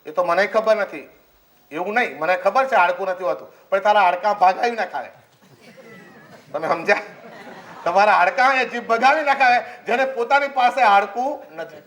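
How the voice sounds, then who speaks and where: Lively high-pitched preacher. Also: male voice, normal speed, slight background noise. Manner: animated, acts out characters in story, laughing asides. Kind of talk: storytelling sermon.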